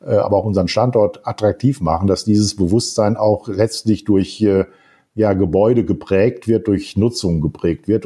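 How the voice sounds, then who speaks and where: A man talking thoughtfully in a discussion, pausing often with fillers and building long winding sentences. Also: fairly low pitch, dark tone, breathy edge. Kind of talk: casual discussion.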